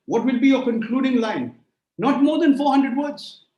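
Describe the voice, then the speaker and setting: With a very high-pitched, animated voice and a darkish tone, a guest speaker in his sixties answers audience questions during a lecture. He speaks at normal speed, emphatically and rhetorically, listing phrase after phrase. He is on a remote call from a room that sounds echoey.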